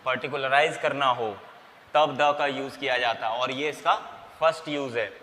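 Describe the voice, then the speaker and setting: Here a man of medium pitch speaks at normal speed in a steady, sharp tone, teaching English grammar in Hindi. Self-posed questions get his own answers, and he spells out letters. Long reverb and faint background noise mark the recording.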